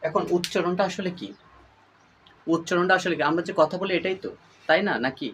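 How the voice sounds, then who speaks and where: High-voiced man teaching, a bit off-mic. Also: fairly even intonation, a little fast, a bit bright. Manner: repeats key points and quizzes the viewers. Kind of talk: lesson. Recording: voice a little far from the mic, faint room noise.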